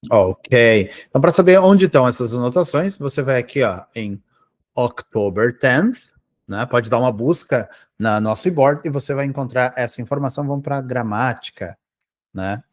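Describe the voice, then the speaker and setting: A man speaking Portuguese teaches an English grammar review for exams, breaking each rule into small steps. His pitch swings widely, rising and dropping as he stresses examples. He keeps checking in with his students as he goes. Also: lively intonation, normal speed. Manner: explains step by step, checks in with frequent "tá?". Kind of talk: grammar lesson for exam prep.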